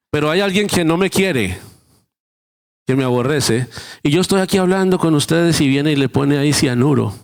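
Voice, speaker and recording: A man's voice: medium pitch, clean tone. A male pastor preaching a sermon, explaining scripture through everyday stories and acting out short exchanges.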